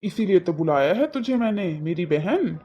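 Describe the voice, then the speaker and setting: A woman voicing a kindly middle-aged father in a cartoon, soft-spoken and affectionate. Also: on the low side, very animated, moderate pace, breathy edge, lo-fi sound. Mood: warm. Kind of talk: cartoon voice acting.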